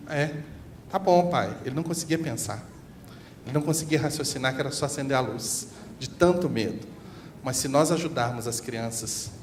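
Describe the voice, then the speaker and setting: A man giving a church seminar talk, animated and preaching, on a PA microphone. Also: mid-range voice. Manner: animated, preaching, with acted examples. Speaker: seminar speaker. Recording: reverberant hall, faint noise.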